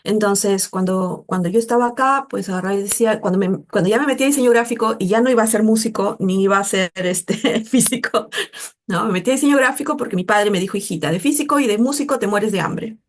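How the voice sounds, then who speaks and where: A middle-aged Peruvian woman in a casual interview, talking in a chatty, animated way and often tagging her sentences with a questioning "¿no?". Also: mid-range voice, quick pace. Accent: Peruvian Spanish. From Peru. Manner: chatty, animated, mimics voices in quotes, frequent "¿no?". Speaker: interviewee, artist.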